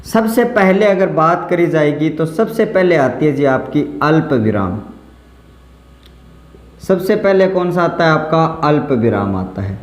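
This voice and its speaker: A man's voice: on the high side, animated, measured pace. A man teaching a grammar lesson for an exam, explaining step by step and repeating the example phrases while he asks and answers his own questions. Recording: roomy echo.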